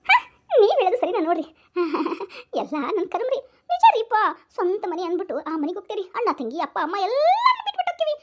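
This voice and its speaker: A woman's voice: very high voice, very animated, quick pace. A woman playing a melodramatic young wife who fake-cries about her in-laws, speaking with a North Karnataka Kannada accent in a comic skit. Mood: mock-weeping. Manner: wailing, sobbing theatrically while joking.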